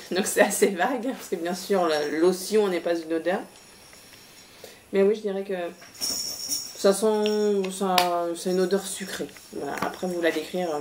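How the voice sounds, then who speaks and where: A woman's voice: fairly low pitch, noisy background. A woman presenting a shopping haul in a casual, hesitant way, with many fillers and restarts.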